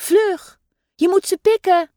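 A woman's voice: high-pitched, animated, measured pace, a little mellow, no echo, studio quality. A woman voicing a bold, bossy little girl who plays a mother gull and gives urgent, commanding orders.

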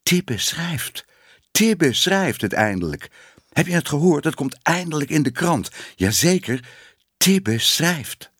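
A man reading a storybook and voicing a crowd of excited cats spreading news. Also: fairly high pitch, takes it slowly, husky, dry recording, clean studio sound, voice pushed up, heavily acted. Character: chorus of excited town cats.

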